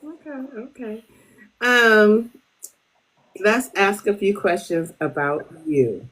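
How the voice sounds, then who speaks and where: A woman's voice: medium pitch, lively intonation, slow, fairly bright tone. A woman hosting a casual podcast interview in an informal, slangy, joking way. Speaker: podcast host.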